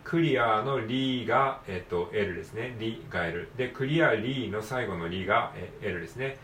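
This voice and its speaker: A man practicing reading aloud, repeating single words over and over and calmly explaining the pronunciation points in between. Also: lowish voice, normal speed, roomy sound, slight background noise. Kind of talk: self-study pronunciation practice.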